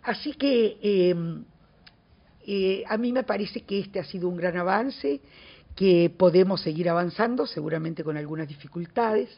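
A woman's voice: lowish voice, measured pace, dull audio. A woman speaking reflectively at a conference as an academic, often checking in with short questioning tags. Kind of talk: conference talk.

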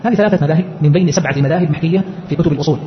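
Fast-talking man teaching a text. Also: fairly high pitch, slight background noise. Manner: quick scholarly explanation, rhetorical questions. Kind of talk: explaining a text. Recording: muffled lo-fi lecture recording.

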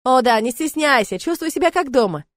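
Brisk, tart woman economist, voiced by a woman. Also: high voice, lively intonation, no room sound, clean studio sound, voice pushed up. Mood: scolding. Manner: scolding, tart. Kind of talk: audiobook character voice.

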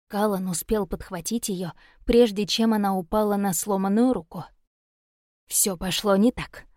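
A woman narrating a fantasy audiobook in an even, measured reading voice on a close mic. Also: medium pitch, no echo. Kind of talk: scripted narration.

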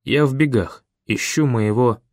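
A man voicing a weary, gentle middle-aged father who speaks quietly and earnestly. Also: medium pitch, unhurried, dry recording, clean studio sound, close to an everyday voice.

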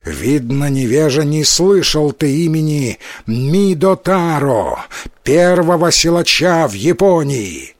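A man voicing a rude, furious giant who shouts insults and indignant threats. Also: a little high, lively intonation, slow, no room sound. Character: rude angry giant man, self-proclaimed strongest.

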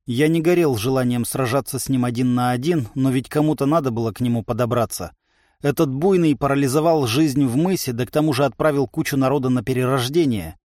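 A man narrating a first-person audiobook in a lively, ironic manner. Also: mid-range voice, no echo, studio quality.

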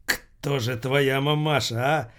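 A man voicing a gruff old male thief boss, speaking hoarsely and with hatred. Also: medium pitch, steady tone, takes it slowly, fairly bright tone. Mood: hostile.

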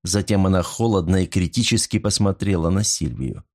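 A man narrating a novel in a measured, even audiobook reading. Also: deep voice.

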